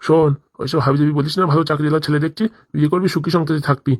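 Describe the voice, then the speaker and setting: A voice actor gives us a rustic old cartoon grandfather, grumbling and self-pitying, who stammers through his complaints at a rapid clip. He sounds mid-pitched, and the recording is dry and close. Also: steady tone, no room sound, close to an everyday voice. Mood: scolding. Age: older. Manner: stammering, rustic village speech. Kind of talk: cartoon comedy dub.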